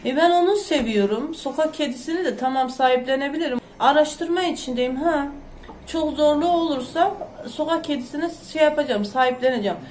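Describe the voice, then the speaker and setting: A woman chatting loudly and rambling to her viewers in a casual home vlog. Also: high-pitched, fairly quick, slight background noise. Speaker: vlogger. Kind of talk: casual chat to camera. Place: home, indoors. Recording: echoey room.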